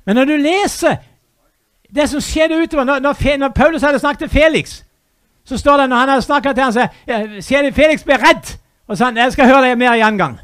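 High-voiced, fervent preacher. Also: male voice, no room sound, studio quality. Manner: fervent, swinging from hushed to loud and urgent. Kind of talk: sermon.

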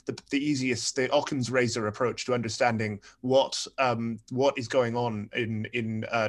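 A man's voice: mid-range voice, fairly bright tone. A young man, a podcast guest, talking through his points wryly with many fillers. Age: young adult. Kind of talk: panel discussion.

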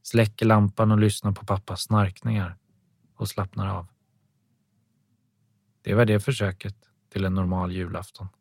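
Low-voiced man reading an audiobook. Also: gravelly, pauses often, dry recording. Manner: calm, even storytelling. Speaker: audiobook narrator. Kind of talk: scripted audiobook narration.

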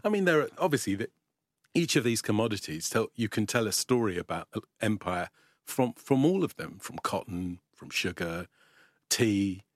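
Older academic guest, low-pitched and dry, measured and halting. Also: male voice, expressive, dry recording. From England. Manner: thoughtful, halting, restarts mid-phrase. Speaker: guest professor. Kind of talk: reflective conversational interview.

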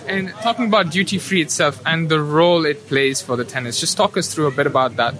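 A man's voice: on the high side, brisk, crowd noise. A man interviewing a company executive, asking polite and complimentary questions.

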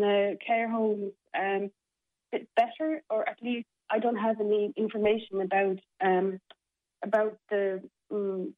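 A woman from the Republic, a theatre programme manager, speaking as a radio interview guest in a hesitant way with many fillers. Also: medium pitch. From Czech Republic. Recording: tinny phone line.

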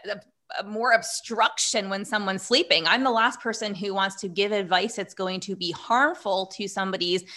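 A woman's voice: medium pitch, fairly even intonation, moderate pace, bright, forceful tone. A woman guest expert explaining earnestly in casual conversation, with frequent fillers.

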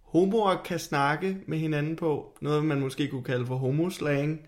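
Guy on a podcast, bit higher voice, just chatting casually. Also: fairly even intonation. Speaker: podcast co-host. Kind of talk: casual chat.

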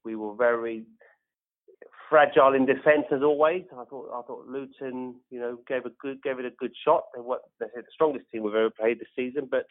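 A man's voice: mid-range voice, fairly even intonation, a little fast. A man giving unscripted post-match football commentary as a guest, repeating words as he thinks. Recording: tinny, phone-like call.

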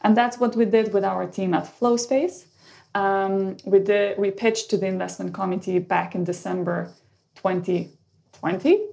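Her voice is mid-range, steady, mellow and unhurried, with some vocal fry. She's a Lithuanian startup co-founder in her thirties, casually introducing herself on a podcast and breaking off to restart sentences.

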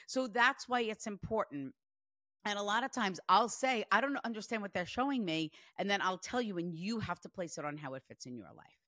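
A woman's voice: medium pitch, a little fast, no room sound, clean studio sound. A woman in her forties working as a psychic medium, talking chattily with lots of "like" through a reading. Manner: chatty, animated, peppered with "like". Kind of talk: spirit reading session.

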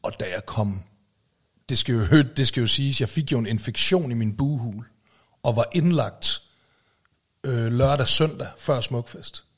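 A man's voice: mid-range voice, slightly rough. A man telling a story in casual podcast chat, with lots of fillers and tag questions and casual swearing. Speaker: podcast co-host, musician.

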